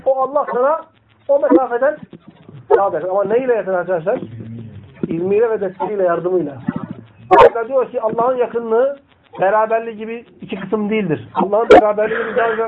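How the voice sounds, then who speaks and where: High-voiced man teaching a religious lesson. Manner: explains and asks listeners rhetorical questions; recites Arabic slowly, then explains. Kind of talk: religious lesson to a study group. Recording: tinny phone-like recording with faint noise.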